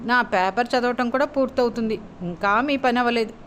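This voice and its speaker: A woman's voice: a little high, brisk, a little hiss or hum, close to an everyday voice. A woman voicing a sweet-talking, teasing young wife in a spoken story, her tone sugary and mock-pleading. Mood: coaxing, pleading.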